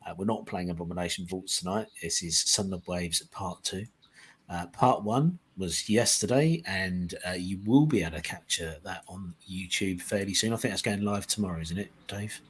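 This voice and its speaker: A man's voice: sits low, normal speed. A man hosting a casual tabletop game livestream as game master. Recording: clearly noisy background.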